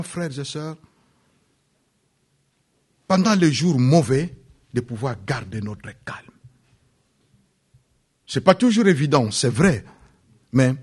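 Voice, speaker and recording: A man preaching a sermon, repeating phrases and swinging from loud peaks to hushed drops. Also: medium pitch, slightly rough. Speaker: pastor.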